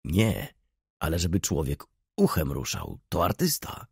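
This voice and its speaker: A man voicing a dryly sarcastic middle-aged lawyer making quiet asides. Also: sits low, very animated, unhurried, gravelly, slightly rough, dry recording, clean studio sound, heavily acted. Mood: wry aside. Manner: wry, aside-like.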